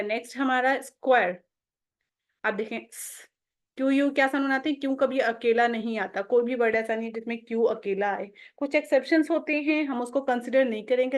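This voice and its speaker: A young woman teaching phonics for home-schooling, sounding out letters slowly and patiently and checking in often with "okay?". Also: fairly high pitch.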